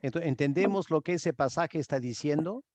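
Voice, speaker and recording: A man, a pastor, teaching a Bible study slowly and deliberately, asking his listeners questions into a microphone. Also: fairly high pitch, darkish tone, dry recording. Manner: slow, deliberate, asks the class questions.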